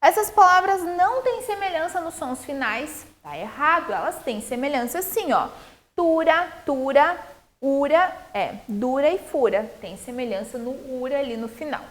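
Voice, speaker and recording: Brazilian woman, children's teacher, high bright voice that swoops up and down, sing-song explaining. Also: expressive, normal speed, few pauses. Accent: Brazilian Portuguese. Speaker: primary school teacher. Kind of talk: recorded classroom lesson.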